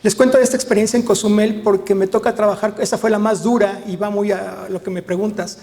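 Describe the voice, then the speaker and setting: A middle-aged man with a Mexican accent, a veterinarian telling lively anecdotes to an audience and acting out the dialogue. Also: high-pitched, quick pace, big-room sound. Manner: lively storyteller, acts out dialogue, frequent tag questions. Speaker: veterinarian giving a talk.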